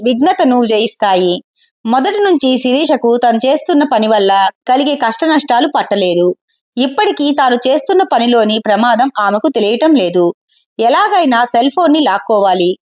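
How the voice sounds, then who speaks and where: Woman reading a story aloud, high and very lively pitch. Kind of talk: scripted narration.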